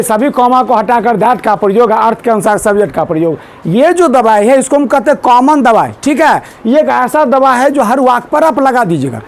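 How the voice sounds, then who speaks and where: A male teacher giving a grammar lesson in a classroom, drilling students with repeated questions and asking them to answer loudly. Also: extremely high pitch. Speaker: English teacher.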